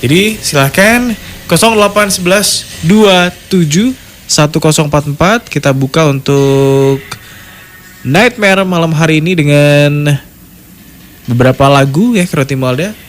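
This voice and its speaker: With music running underneath, the host of a horror-story call-in radio program talks casually to his audience live. His voice is fairly high and a little slow, with slight hiss or hum on the recording.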